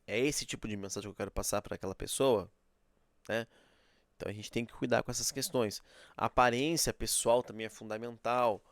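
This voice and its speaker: Lecturing to his class at a slightly quick clip, this man keeps a steady, mid-range tone, captured dry. His teaching moves step by step, dotted with rhetorical questions, and he acts out examples to demonstrate his points.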